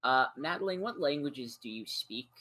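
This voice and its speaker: A man's voice: mid-range voice, animated, moderate pace, bright, forceful tone. A man narrating as game master, describing scenes casually with frequent fillers.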